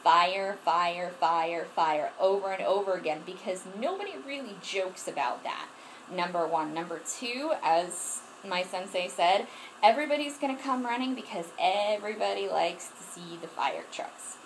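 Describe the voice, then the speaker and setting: This is casual instructional talk to camera: a woman at home offers self-defense advice, earnest and frank, often restarting what she's saying. Her medium-pitched voice is expressive and moderately paced. The camera mic picks up slight background noise in poor audio, and its distance changes as she walks about in front of it.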